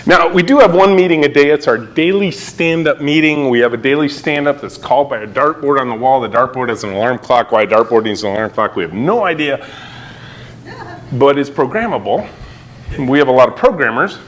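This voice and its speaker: A middle-aged man giving a conference keynote talk, telling stories in an animated way and acting out quotes with sudden jumps in pitch. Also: brisk. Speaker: keynote speaker. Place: conference hall.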